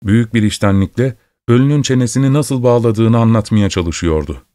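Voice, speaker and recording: A man reading a literary story aloud in steady, measured scripted narration. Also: mid-range voice, no echo, clean studio sound. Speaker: audiobook reader.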